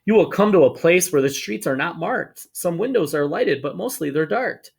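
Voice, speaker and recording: A man reads a rhyming children's story aloud. His voice sits a little high and swings widely in pitch, with noticeable creak. He is expressive and sing-song, stretching out words for emphasis. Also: moderate pace. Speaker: storybook reader for schoolchildren. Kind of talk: animated read-aloud of a rhyming children's book.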